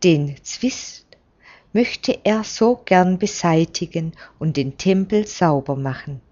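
A woman reading a story aloud in a slow, deliberate way. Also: lowish voice. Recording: dull lo-fi recording.

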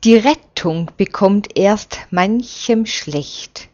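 A woman narrating a story aloud in a calm, deliberate reading voice, on a dull lo-fi recording. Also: mid-range voice.

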